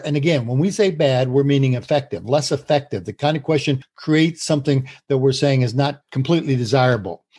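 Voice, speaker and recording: A husky-voiced man at an everyday middle pitch talks through ideas with a co-host. He explains in an earnest, steady way and laughs easily between points. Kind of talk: conversational podcast talk on communication.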